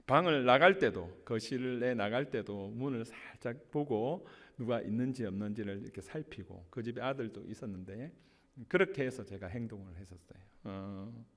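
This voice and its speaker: Korean pastor preaching in reverberant church. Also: male voice, medium pitch. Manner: storytelling with warm anecdotes and light laughs. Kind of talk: sermon. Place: church sanctuary. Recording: long hall reverb from the church.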